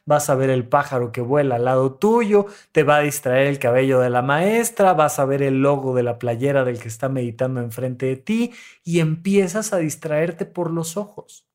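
A man's voice: mid-range voice, expressive, normal speed, a little mellow. A man with a Mexican accent, a therapist on a podcast about emotions, talking in a demonstrative, coaching way and acting out breaths and sighs. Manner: demonstrative, coaching, acts out breathing and crying sounds.

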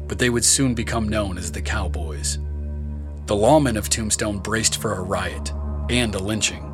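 Male history narrator, slightly low voice, even scripted delivery, music bed and crickets behind. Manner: measured storytelling delivery.

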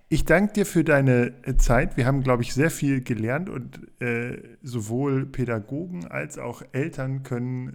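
A man with a gravelly, creaky voice hosts a podcast interview. He talks in a relaxed, hesitant way and fills his pauses with small sounds. His pitch sits in a middle range. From Germany. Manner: relaxed, hesitant with many fillers. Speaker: podcast host.

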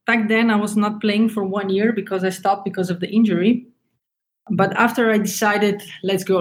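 A woman from Slovenia in her thirties, a tennis coach, talking casually as an interview guest and stopping now and then to find her words. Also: medium pitch. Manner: halting, searching for words, non-native English.

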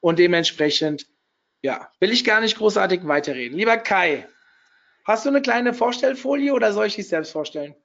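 A man with a hoarse voice, still recovering from losing it, chattily hosting a casual webinar. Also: high-pitched, expressive, normal speed, fairly bright tone. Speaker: webinar host. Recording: dull, lo-fi webinar audio.

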